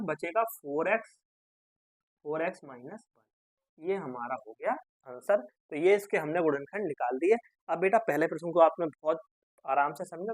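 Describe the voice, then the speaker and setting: A man's voice: high-pitched, no room sound. A man teaching maths step by step, coaxing his students and asking and answering his own questions. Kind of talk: step-by-step classroom explanation.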